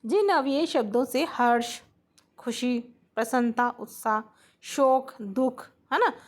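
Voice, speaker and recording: A woman with a fairly high voice teaches a grammar lesson. She explains step by step, and she keeps checking that her students are following along. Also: takes it slowly.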